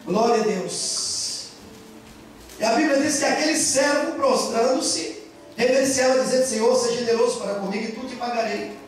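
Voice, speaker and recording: A man preaching a sermon as pastor, impassioned, swinging between loud and soft. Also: very high voice, normal speed. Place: church hall in Japan. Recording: very echoey church hall, far from mic, faint music.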